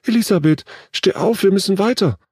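A man voicing a frightened young schoolgirl in a read story, pitching his voice up high and pleading. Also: expressive, fairly quick, darkish tone, breathy edge, no room sound, clean studio sound, full character voice. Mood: panicked.

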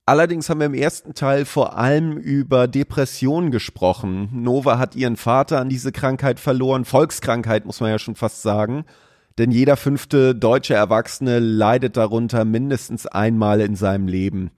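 A man's voice: medium pitch, steady tone, moderate pace, darkish tone, no room sound, clean studio sound. A man hosting a podcast in a casual, informal conversational way. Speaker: podcast host.

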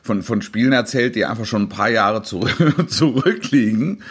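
A middle-aged man telling anecdotes in casual conversation, often halting and repeating words as he looks for the right phrasing. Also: fairly low pitch, steady tone, a bit bright, breathy edge. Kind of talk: casual chat, storytelling.

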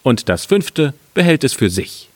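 A man's voice: medium pitch, big pitch swings, unhurried, no echo, pitched above the performer's own voice. A man reading a fairy tale aloud, voicing a sly, cunning poor peasant in a slightly raised voice.

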